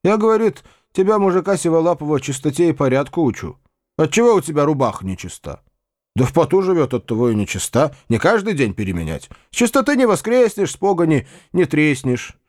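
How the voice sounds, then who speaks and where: Man putting on old peasant men, high drawn-out pleading, beseeching, audiobook. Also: big pitch swings, darkish tone, no room sound, clean studio sound. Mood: plain-spoken. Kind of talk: audiobook character voice.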